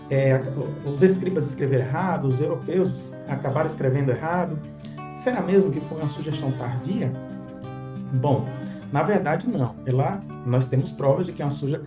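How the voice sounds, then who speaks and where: A man's voice: medium pitch, mellow. A man explaining a lesson, patient and methodical, checking in with listeners as he goes. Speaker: Bible teacher. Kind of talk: explanatory lesson on Hebrew phonetics. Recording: roomy, dull sound with faint guitar music.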